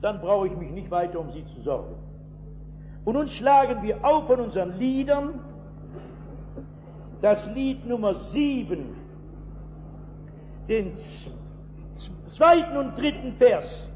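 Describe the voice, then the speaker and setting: A man preaching a sermon, talking straight to his listeners with rhetorical questions and swinging between loud emphatic bursts and hushed asides. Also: high voice, sing-song, slow, pauses often. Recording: dull lo-fi recording in a reverberant hall with faint hum.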